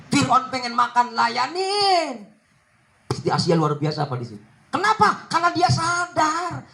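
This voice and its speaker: A male preacher delivers a light-hearted sermon. His voice sits very high, and he keeps teasing the congregation with quick questions to draw them in. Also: fairly bright tone. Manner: joking, teasing the audience with rhetorical questions. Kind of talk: humorous sermon.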